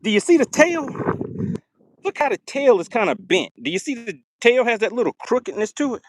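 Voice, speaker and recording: A man commentating a live fishing stream to his chat from a boat on a lake, excitable and teasing, laughing often. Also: extremely high pitch, fairly quick, dry recording.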